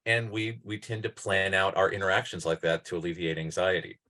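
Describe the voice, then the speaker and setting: A man's voice: low voice, fairly quick, bright, forceful tone. A male clinician presenting to mental health providers over a video call in an informal lecture style. He digresses often, fills gaps with "uh," and has enthusiastic, emphatic bursts. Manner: tangential and digressive, with frequent "uh" fillers.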